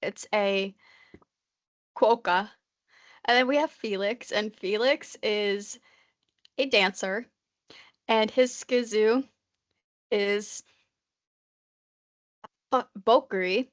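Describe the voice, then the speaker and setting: On a muffled recording, this podcast co-host, a woman in her twenties, speaks at medium pitch and extremely slowly, pausing often. Her casual chat rambles nervously and is packed with "like."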